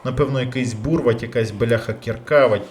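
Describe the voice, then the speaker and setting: A man commentating his own gameplay, bursting into loud curses and then dropping to quiet muttering. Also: mid-range voice, slight background noise. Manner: loud outbursts and heavy swearing; jumpy, rapid switches between yelling and muttering. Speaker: let's play gamer.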